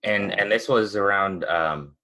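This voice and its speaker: A man's voice: lowish voice, measured pace, bright, forceful tone. A man hosting a podcast, asking questions casually with many ums and uhs. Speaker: podcast host.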